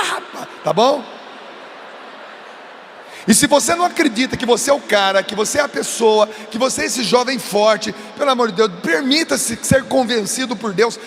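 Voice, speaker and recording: A Brazilian man preaching to a youth crowd, emphatic, swinging between coaxing and shouting. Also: very high voice. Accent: Brazilian Portuguese. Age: adult. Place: large event stage. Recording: long reverb of a big venue, faint noise.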